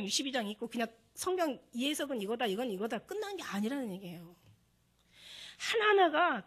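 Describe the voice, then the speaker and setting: High-voiced woman pastor preaching with passion. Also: husky. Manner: emotional, animated preaching, acting out prayers and God's words. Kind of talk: sermon.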